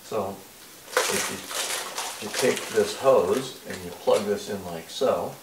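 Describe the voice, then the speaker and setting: Older man, low voice, unhurried halting explanation, roomy workshop echo, mic set back. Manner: plain, halting explanation with many fillers. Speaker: DIY car restoration vlogger. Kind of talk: casual hands-on product demo. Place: large bare-walled workshop indoors. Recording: echoey workshop, distant mic, faint noise.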